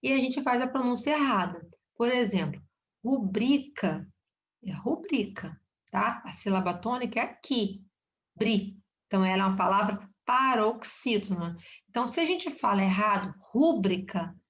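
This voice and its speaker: A woman's voice: medium pitch, animated, normal speed, fairly bright tone. A woman with a Brazilian Portuguese accent teaching a recorded grammar lesson, explaining step by step and checking in with short tag questions. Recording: dull lo-fi recording.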